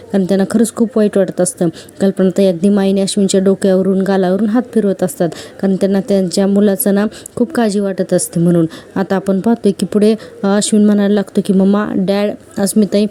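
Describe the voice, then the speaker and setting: A woman's voice: mid-range voice, warm tone. A woman casually recapping a television serial episode, retelling scenes and quoting the characters' lines in a chatty way full of fillers.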